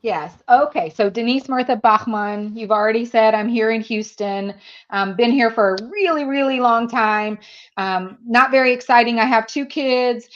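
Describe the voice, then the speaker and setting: On the high side and at a moderate pace, this woman's voice comes through with the highs cut off. She's in her fifties, a native German speaker appearing as a sales trainer guest, chatting candidly in a casual interview and laughing often.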